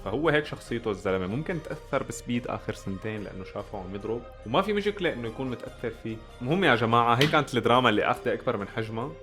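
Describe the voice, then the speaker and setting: A man's voice: medium pitch, animated, very fast, few pauses, fairly bright tone, soft background music. A young man with a Levantine Arabic accent, giving blunt, sarcastic reaction commentary. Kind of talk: casual commentary.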